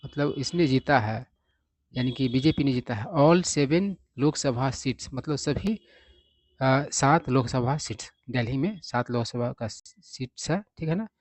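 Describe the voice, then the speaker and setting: A man with an Indian accent teaching English by reading a newspaper aloud, saying each English phrase slowly and then explaining it in Hindi. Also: mid-range voice, a little mellow, dry recording. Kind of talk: reading and translating a newspaper line by line.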